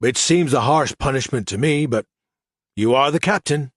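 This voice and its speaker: A man's voice: mid-range voice, normal speed, slightly rough, no room sound, clean studio sound, close to an everyday voice. A man voicing a mad, twitching one-eyed male assassin with a theatrical, mocking manner, in an audiobook.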